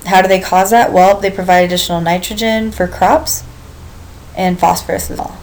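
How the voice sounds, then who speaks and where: A woman's voice: lowish voice, little pitch movement, moderate pace, slight background noise, rough recording. A woman lecturing a biology class, explaining step by step, asking the students questions and reminding them of earlier material.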